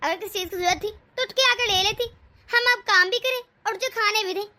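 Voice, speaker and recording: A woman's voice: very high voice, fairly quick, sharp tone. A woman voicing a harsh, sarcastic older mother-in-law in a cartoon story. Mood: scolding. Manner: taunting, sarcastic. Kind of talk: cartoon voice acting.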